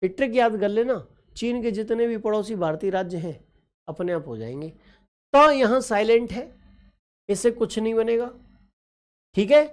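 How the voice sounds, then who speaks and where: Female exam-prep teacher, slightly high voice, affectionate and repetitive, quizzes her class over a map. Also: expressive, moderate pace, long pauses. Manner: affectionate, addresses students as children; repeats and quizzes, frequent "okay ji" check-ins. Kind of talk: online geography lesson over a map.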